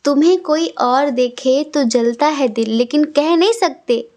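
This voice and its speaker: Young female tarot reader, high-pitched, earnest and direct, repeats herself for emphasis. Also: unhurried, mellow. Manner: earnest, repetitive, addresses the viewer directly. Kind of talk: casual tarot reading to camera.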